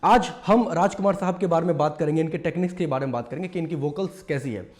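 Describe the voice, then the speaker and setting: A man's voice: fairly high pitch, fast talker, a little mellow. A man casually teaching mimicry, explaining step by step with lots of fillers. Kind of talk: casual tutorial talk.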